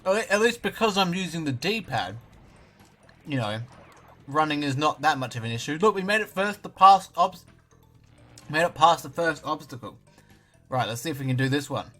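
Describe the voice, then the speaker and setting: Young Australian man, bright dry gamer. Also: a little high, lively intonation, normal speed, long pauses, faint music behind. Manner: dry, self-mocking jokes. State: talking with a mouth full of banana at times. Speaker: gaming YouTuber. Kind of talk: casual let's-play commentary.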